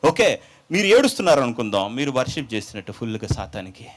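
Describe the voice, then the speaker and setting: A man's voice: medium pitch, quick pace. A male preacher giving a humorous sermon, telling a story and acting out its dialogue. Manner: animated, acts out dialogue, jokes with listeners.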